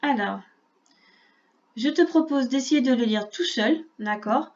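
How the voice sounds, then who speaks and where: Slow, careful woman teacher, lo-fi sound. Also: high voice, a little mellow. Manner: slow, careful articulation, addressing the child directly. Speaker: primary school teacher. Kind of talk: recorded reading lesson for a young child.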